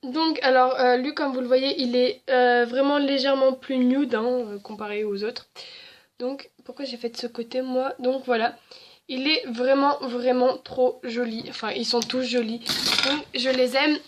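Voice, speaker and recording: A woman's voice: sits high, steady tone, moderate pace. A young woman chatting casually as a beauty vlogger, with many fillers and restarts. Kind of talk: casual haul and swatch video.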